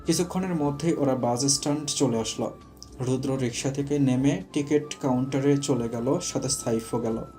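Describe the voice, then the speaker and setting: Dark-voiced male story narrator. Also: medium pitch, moderate pace, faint music behind.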